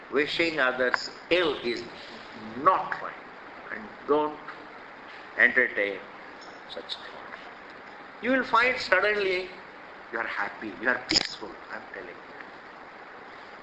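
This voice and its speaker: A man's voice: high voice, noisy background. An older man with an Indian accent giving a spiritual discourse, emphatic and repetitive, full of rhetorical questions, recorded in an echoey hall. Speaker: swami teaching scripture.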